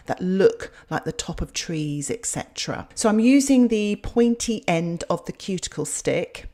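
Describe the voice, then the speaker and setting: A woman talks through a painting lesson in a calm, step-by-step way. Her voice sits fairly low for a woman. The delivery is steady, gentle and instructive. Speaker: watercolour art teacher. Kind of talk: narrated painting tutorial.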